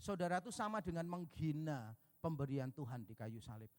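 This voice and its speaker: A man's voice: fairly high pitch, big pitch swings, fairly quick, darkish tone. A man from Indonesia preaching a sermon to a congregation, telling stories, acting out dialogue and joking with the crowd. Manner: storytelling, acts out dialogue, jokes with congregation. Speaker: pastor. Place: large church hall. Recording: long church reverb.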